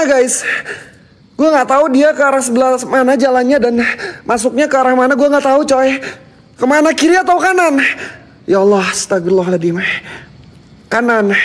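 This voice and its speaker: A man hosting a ghost-hunting vlog from inside an old bathroom, jittery, talking to his viewers and muttering prayers and slang. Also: extremely high pitch. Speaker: horror vlog host.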